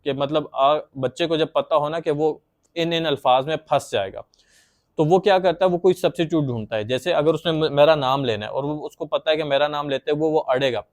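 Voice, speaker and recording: A man's voice: on the high side, brisk. A man giving a patient, plain explanatory lecture on psychology, acting out stuttering examples as he goes.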